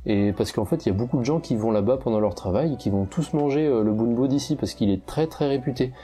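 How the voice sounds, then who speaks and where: A young Frenchman with a strong French accent shares travel stories as a travel photographer vlogger, chatting casually with many fillers, hesitations and restarts. His medium-pitched voice is very dark and mellow, and he speaks fast and animatedly. Faint music plays underneath.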